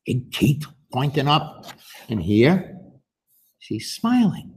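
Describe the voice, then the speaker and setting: A man reads a storybook aloud to children, taking it slowly in a mid-range voice. As the reader and host, he's animated and puts questions to his young listeners in a gently instructive way.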